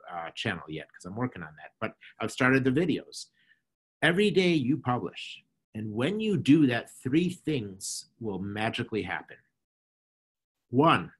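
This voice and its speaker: A middle-aged marketing consultant, interviewed as a guest in an online talk, explains advice in an earnest coaching tone, often repeating phrases. His voice is on the low side, nasal and slightly husky, captured through a video call webcam.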